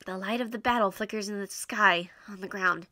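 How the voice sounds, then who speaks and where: A woman's voice: medium pitch, a little fast, bright, forceful tone, no echo, studio quality. A woman hosting a let's play, reading game text aloud and commenting in an informal, reactive way.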